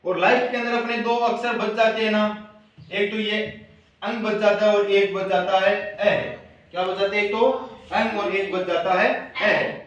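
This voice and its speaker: A man's voice: sits high, level tone, normal speed, dull audio. A man teaching a classroom grammar lesson, asking questions and repeating the answers back. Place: classroom with students. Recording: very echoey room, voice far from mic.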